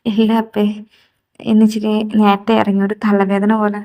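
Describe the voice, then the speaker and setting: A woman's voice: medium pitch, monotone, normal speed, dark tone, natural voice. A woman voicing a stubborn young office worker who plays down her troubles to her father in a fan audio drama. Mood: reassuring.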